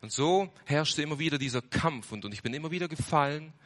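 A man's voice: expressive, quick pace. Earnest young man preaching a testimony. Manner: earnest, swings between loud surges and hushed lows; repeats phrases for emphasis. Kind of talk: sermon testimony.

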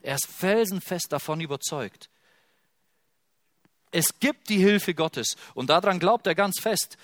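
A man delivers a sermon with a slightly high voice. He drops to a near whisper on quoted pleas and rises loud for emphasis. The sound is dry and close. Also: measured pace, no room sound. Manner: expressive, swings from hushed to loud when quoting. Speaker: preacher.

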